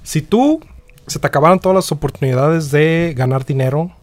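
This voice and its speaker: Higher-voiced man bantering in slang. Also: moderate pace, no room sound. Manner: slangy, profane, joking. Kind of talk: casual bilingual banter, switching between English and Spanish.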